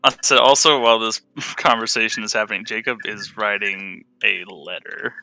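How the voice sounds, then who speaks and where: A man's voice: fairly low pitch, steady tone, moderate pace, vocal fry, sharp tone, slight background noise, rough recording. A man playing a tabletop game, bantering casually in and out of character.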